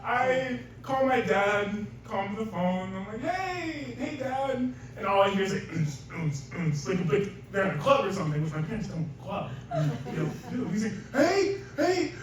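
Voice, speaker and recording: A young man telling a true story live on stage, chatty and quick to laugh, acting out what others said. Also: high voice, distant mic. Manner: casual, chatty, laughs often, acts out quotes. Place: small venue in front of a live audience. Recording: roomy live venue recording from afar.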